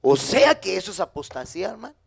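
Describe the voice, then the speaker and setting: A Guatemalan man preaching a sermon as pastor, lively, with sudden high emphatic bursts. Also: fast, gravelly, husky. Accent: Guatemalan Spanish.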